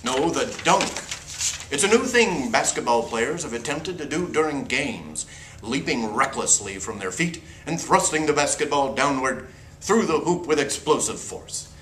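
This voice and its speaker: A man's voice: medium pitch, animated, measured pace, a bit bright, slight background noise. A man playing a prim, square 1960s TV news co-anchor, earnest and sanctimonious, in a parody newscast. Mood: prim alarm. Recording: echoey room.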